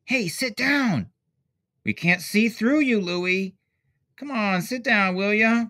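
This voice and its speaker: An impatient child in the audience heckles in a high, pushy voice, as a man reading a storybook puts him on. The delivery is drawn out and emphatic. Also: lively intonation, slow pace, heavily acted. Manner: shouting, impatient. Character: impatient kid in a puppet show audience. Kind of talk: picture book read-aloud.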